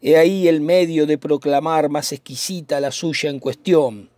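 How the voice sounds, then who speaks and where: A brooding, lovesick young nobleman speaks in poetic, declaiming lines, as a man reads the part aloud. The voice sits a little high for a man, close and dry with no room around it. The delivery is theatrical, as in a dramatic reading of a play. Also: fairly even intonation, a little slow, darkish tone, no echo, natural voice.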